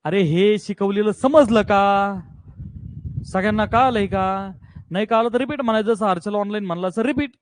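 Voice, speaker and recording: Energetic high-voiced male physics teacher. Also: moderate pace, no echo. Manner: energetic, coaxing, keeps checking students understand. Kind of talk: classroom physics lesson. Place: classroom with students.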